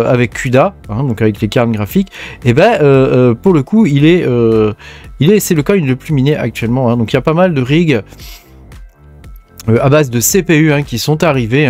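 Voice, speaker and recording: A man's voice: mid-range voice, darkish tone. A man with a French accent hosting casual mining news commentary, talking in a hesitant way with lots of fillers. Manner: chatty, hesitant, frequent fillers. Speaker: crypto mining channel host.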